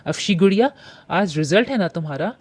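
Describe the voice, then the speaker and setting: A woman's voice: fairly low pitch, lively intonation, fairly quick, darkish tone. A woman doing a playful older brother. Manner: playful, affectionate. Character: cheerful teasing older brother figure.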